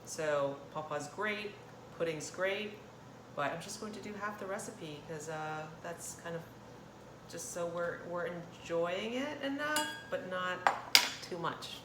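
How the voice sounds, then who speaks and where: Speaking slowly in a lowish voice, a cooking channel host from Thailand runs a relaxed demonstration in an indoor kitchen, chatting in a meandering way and interrupting herself often. Dishes and cutlery clatter clearly through the roomy, echoing audio.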